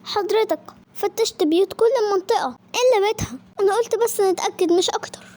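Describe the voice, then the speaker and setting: A woman's voice: very high-pitched, fast, a little mellow. A woman telling a story and voicing a mother politely, with an Egyptian Arabic accent.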